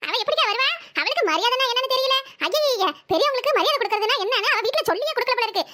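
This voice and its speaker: Cartoon: fast, squeaky, aggrieved aunt, voiced by a woman. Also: animated, background noise. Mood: indignant. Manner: dramatic lamenting, fast high chatter. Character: complaining middle-aged village woman, wailing and aggrieved. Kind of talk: cartoon voice acting.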